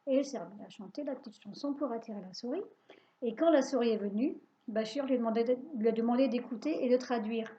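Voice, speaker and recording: Woman reading a kids' story aloud, fairly high voice, lively, muffled old sound. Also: fast talker. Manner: lively, expressive first-person telling. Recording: dull lo-fi recording.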